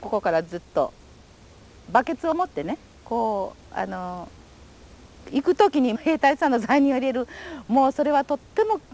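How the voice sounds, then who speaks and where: This older Japanese woman's voice is a little high with a darkish tone. She is an atomic bomb survivor sharing her memories in a recorded testimony interview, telling them politely, formally, and vividly.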